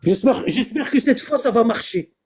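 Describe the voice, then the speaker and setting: A man's voice: very high voice, expressive, normal speed, darkish tone, a little hiss or hum. A man hosting a live online debate, arguing and repeating himself. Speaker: live stream host.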